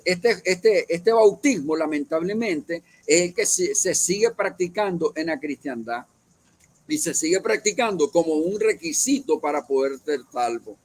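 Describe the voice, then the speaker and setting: A church leader leads a Bible study, explaining at length with lots of fillers and self-corrections. His voice sits high, and there's no room sound.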